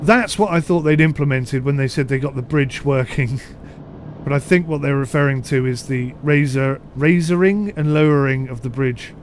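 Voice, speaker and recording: A man's voice: medium pitch, normal speed, slight background noise. A man casually commenting on a ship simulator during a live stream, chatty and self-deprecating, reading chat comments aloud.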